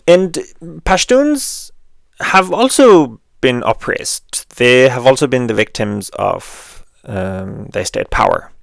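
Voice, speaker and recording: Slow, gravelly man explaining earnestly. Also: mid-range voice, a bit bright, dry recording, studio quality. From Afghanistan. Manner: measured and earnest, pausing with frequent fillers. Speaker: video essay host. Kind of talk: explanatory monologue.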